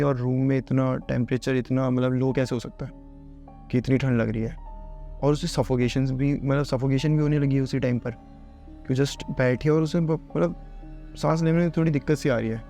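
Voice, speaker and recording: A man's voice: medium pitch, vocal fry, dark tone. A man casually narrating a horror storytime, chatty and conversational, calling the listener bhai.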